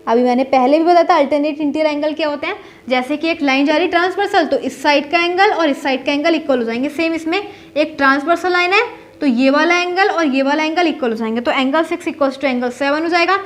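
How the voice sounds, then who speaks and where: A woman's voice: sits high, fast talker. A young woman teaching a maths lesson step by step, mixing with terms, asking and answering her own questions and checking in often.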